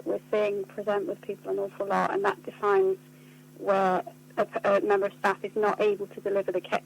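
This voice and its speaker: A woman who works as a charity communications officer answers questions in a radio interview. She explains things articulately and earnestly in a medium-pitched voice, and the recording quality is low.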